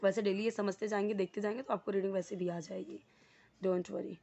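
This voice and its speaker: A woman with an Indian accent teaching a spoken English lesson, explaining slowly and repeating words and their meanings. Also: mid-range voice, steady tone, gravelly, mellow.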